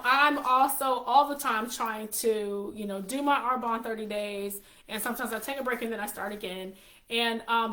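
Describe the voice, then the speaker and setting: Her voice is high-pitched and fairly bright as she runs her own show with easygoing chatter. The woman, in her forties, has a stuffy nose and a slight cough, frequently repeats herself and restarts phrases, and the recording carries a roomy echo.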